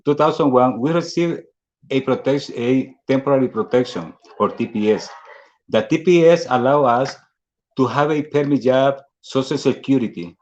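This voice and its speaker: A man in his forties from El Salvador who speaks Spanish natively, giving an earnest personal speech in halting English with a Salvadoran Spanish accent. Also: medium pitch, darkish tone. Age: 40s. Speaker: speaker at a fundraising dinner. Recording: dull lo-fi audio.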